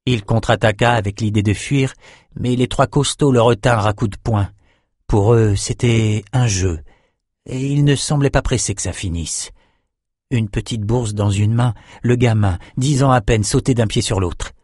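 A man narrating a fantasy novel in a steady, measured storytelling voice. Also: lowish voice, no echo, studio quality. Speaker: audiobook narrator.

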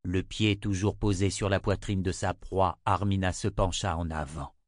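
Male audiobook narrator with a low voice, steady measured read, dry booth sound. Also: no echo. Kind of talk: scripted narration.

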